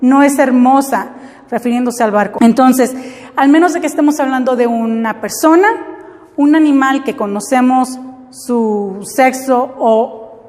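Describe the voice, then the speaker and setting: A woman's voice: high-pitched, measured pace, a little mellow, long reverb tail. A woman teaching an English grammar lesson in a classroom, explaining patiently step by step and checking in with her students.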